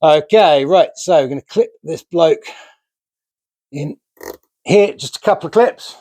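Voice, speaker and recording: A man's voice: a little high, measured pace, mellow, dry recording. A man casually talking through a DIY build as he works, chatty and self-deprecating, on a remote mic. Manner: chatty, self-deprecating, talks while working with hands. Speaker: DIY vlogger. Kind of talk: casual how-to narration while building.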